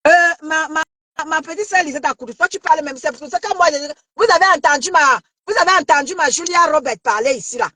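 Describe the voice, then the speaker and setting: Shouting confrontational woman, very high voice. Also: quick pace, dry recording. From Cameroon. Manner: repeats words and stammers. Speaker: social media commentator. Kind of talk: heated live rant.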